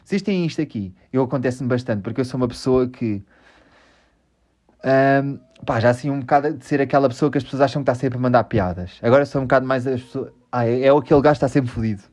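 A man's voice: mid-range voice, fast talker, a little mellow. A man with a European Portuguese accent hosting a casual podcast, rambling, joking at his own expense and swearing a lot. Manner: rambling, self-mocking, swears often. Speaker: podcast host.

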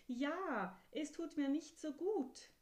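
Woman putting on a troubled young horse from a bedtime story, voice lifted high and pressing, slow and careful, earnest about wanting to feel better. It sounds like a child working something out aloud. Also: expressive. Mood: plaintive. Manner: higher and louder than the narration, pleading.

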